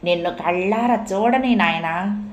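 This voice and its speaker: A woman's voice: mid-range voice, a little slow, highs cut off, natural voice. A woman playing a wailing old blind mother. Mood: melodramatic. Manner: wailing, melodramatic cries. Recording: roomy echo.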